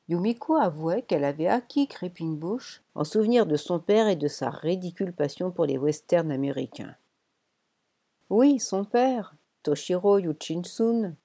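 A woman narrating a novel chapter in a measured, deliberate reading with pauses. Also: medium pitch, mellow, dry recording. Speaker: audiobook narrator. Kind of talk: scripted narration.

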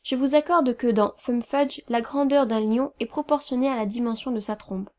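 Woman reading as an old father, measured, admonishing, slightly high voice. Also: a little mellow, close to an everyday voice. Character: sober, lecturing old father, a man. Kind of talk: audiobook reading.

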